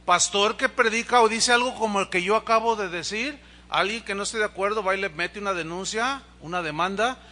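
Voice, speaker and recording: Pastor preaching, high bright voice, chatty sermon in a church, keeps asking the crowd questions. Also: male voice, brisk. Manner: conversational preaching, rhetorical questions to the congregation; acts out dialogue in quoted voices.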